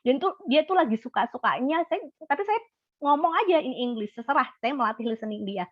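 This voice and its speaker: A woman's voice: high-pitched, expressive, a little fast, dry recording. Chatty Javanese woman doctor on a call. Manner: chatty, explains with examples, many fillers and restarts. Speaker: doctor and guest speaker. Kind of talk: casual webinar talk. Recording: dry, slightly muffled call audio.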